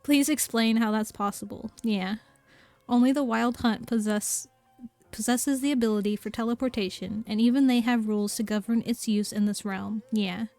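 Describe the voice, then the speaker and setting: A woman's voice: fairly high pitch, fairly even intonation, moderate pace, a little mellow, no echo, soft background music, natural voice. A woman voicing a shaken, stern young man from a storybook, pressing for answers. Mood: demanding.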